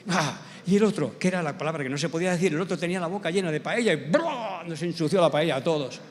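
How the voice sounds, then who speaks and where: A male pastor with a Spanish accent from Spain, preaching a sermon as an animated storyteller who builds to emphatic, slow preaching. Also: fairly high pitch. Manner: animated storyteller who acts out quoted voices. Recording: long church hall reverb.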